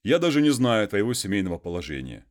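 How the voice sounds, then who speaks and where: A man voicing an educated gentleman who is patient but firm and talks in a measured, reasoning way. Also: fairly low pitch, sing-song, voice pushed up.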